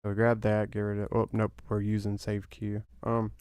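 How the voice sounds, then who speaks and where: A man's voice: lowish voice, monotone, normal speed, a little mellow, clean tone, no room sound. A young man with a Southern US accent, thinking aloud and swearing at his mistakes as he writes code. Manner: muttering to himself, swearing at mistakes. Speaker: programmer streaming his work. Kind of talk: thinking aloud while coding.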